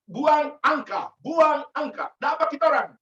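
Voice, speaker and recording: A preacher putting on a loud, boastful villager. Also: male voice, very high-pitched, lively intonation, a little slow, voice pushed up, exaggerated voice. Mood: bragging. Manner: bragging, loud. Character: boastful male villager from Gorontalo. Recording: roomy, distant, dull video-call audio.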